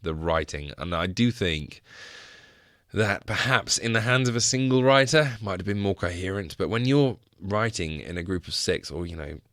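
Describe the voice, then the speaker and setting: A man with a very low, gravelly voice talks films on a podcast, wry and quick to chuckle. The sound is dry and close, with no room around it. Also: expressive, a bit bright, no room sound. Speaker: podcast guest, film historian. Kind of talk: casual podcast chat.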